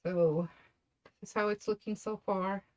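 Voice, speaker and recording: A woman's voice: medium pitch, steady tone, moderate pace, dull audio. A woman hosting a craft tutorial, chatting casually with viewers by name and laughing often. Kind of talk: casual livestream crafting chat.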